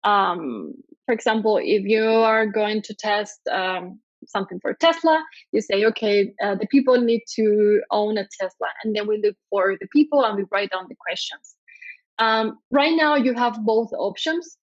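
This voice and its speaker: Over a video call, a Spanish woman with a Spanish accent gives a conference presentation at a moderate pace and medium pitch, hesitating and filling her speech with frequent ums and uhs. The recording is dry, with the high frequencies cut off.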